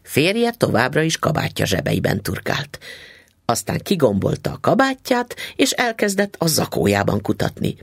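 A man reading a short story aloud as narrator, expressive and dramatic. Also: a little high, gravelly, breathy edge, dry recording, clean studio sound. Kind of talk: audiobook narration.

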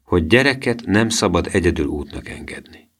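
A man voicing a gentle, worried mother in an audiobook reading. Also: deep voice, lively intonation. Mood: earnest.

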